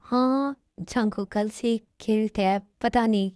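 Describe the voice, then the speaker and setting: A woman's voice: on the high side, takes it slowly, darkish tone, dry recording, clean studio sound. A woman voicing an anxious young woman who keeps her marriage secret, talking in a worried, hesitant way. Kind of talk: amateur Hindi fan dub.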